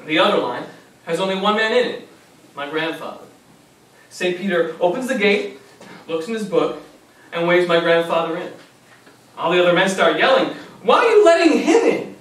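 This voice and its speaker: A young male stage actor narrates a memory play, playing a fond grandson who remembers his grandfather with patience and wry humor, in monologue and dialogue. His voice is high for a man, a bit bright, very animated at normal speed with long pauses, and reflective and wistful in mood. A far audience camera catches him in a very echoey small theater with faint noise.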